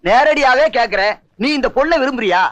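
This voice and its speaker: An actor playing a stern village elder who insists the marriage will happen, in a 1980s film. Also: male voice, very high voice, animated, fairly quick, background noise. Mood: questioning. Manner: commanding, stern. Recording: dull film soundtrack with music.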